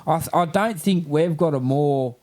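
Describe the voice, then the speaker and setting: A man's voice: on the high side, moderate pace, darkish tone. An Australian man co-hosting a casual rugby league podcast, chatting in a repetitive, stumbling, matey way. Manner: repetitive, stumbling, often says "you know what I mean". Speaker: podcast host.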